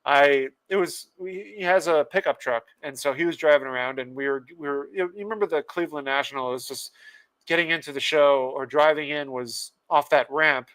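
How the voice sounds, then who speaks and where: Male host, casual livestream chat, chuckling, reads comments aloud, slightly high, smooth tone. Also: fairly quick, fairly bright tone. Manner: laughs often, reads viewer comments aloud. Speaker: podcast host.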